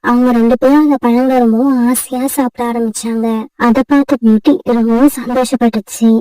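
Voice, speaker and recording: A woman narrating a children's cartoon story in a steady storytelling manner. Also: a little high, a little fast, no echo, recorded from a distance, poor audio.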